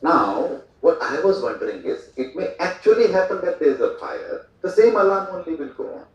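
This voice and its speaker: At a port day event, an Indian man gives a chatty public speech full of anecdotes, fillers and asides. His voice is on the high side, swings widely in pitch and moves at a normal speed. The echoey hall leaves him sounding distant and dull.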